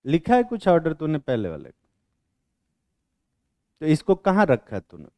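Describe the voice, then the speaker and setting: A man's voice: on the high side, wildly swooping pitch, unhurried, darkish tone, no echo. Blunt, teasing male chemistry teacher. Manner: blunt, teasing, quizzes students with rough slang. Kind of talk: classroom lecture with questioning. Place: classroom with students.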